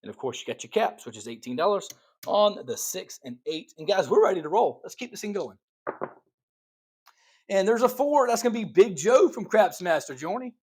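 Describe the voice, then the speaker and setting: Excitable man calling craps rolls. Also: high voice, normal speed, slightly rough. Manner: excitable, calls rolls like a dealer, chatty asides to viewers. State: out of breath. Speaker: craps channel host demonstrating strategy. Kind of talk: casual table-game demonstration.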